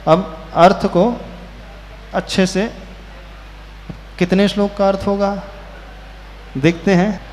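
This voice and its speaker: A man, a Jain monk, teaching a scripture class, who patiently corrects pronunciation and chants verses in a drawn-out tune. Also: sits high, little pitch movement. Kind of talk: slow sermon-style class with chanted verses. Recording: hall reverb with faint ambient noise.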